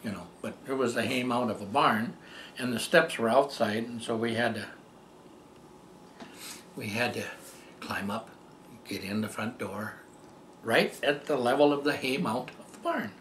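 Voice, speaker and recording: A man's voice: medium pitch, unhurried, long pauses, fairly bright tone, echoey room, slight background noise. An older man telling a heartfelt personal story in a rambling, casual way, with many fillers and restarts. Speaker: storyteller recounting personal experiences. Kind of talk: casual spoken testimony.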